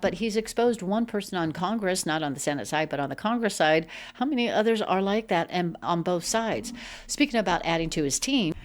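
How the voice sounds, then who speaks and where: A woman hosting a political commentary show, reading posts aloud and breaking into animated, exasperated asides. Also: on the low side.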